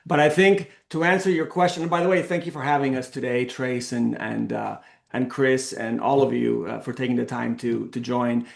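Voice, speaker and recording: A man's voice: mid-range voice, flat delivery, moderate pace, gravelly, reverberant. A middle-aged man from the Canary Islands, a company founder telling his story in a casual presentation, with many restarts and fillers. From Canary Islands, Spain. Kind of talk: casual presentation on a video call.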